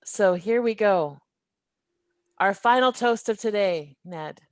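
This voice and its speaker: Slow-talking host of a video social. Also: female voice, medium pitch, no room sound. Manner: cheerful, teasing, calls on guests. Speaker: event host. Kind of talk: hosting a video call social. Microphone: video call.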